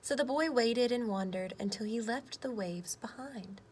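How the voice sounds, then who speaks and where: In the role of a teacher, a woman reads a storybook aloud to children and chats with them about the lesson. She speaks at a moderate pace in a voice on the high side. Background noise can be clearly heard.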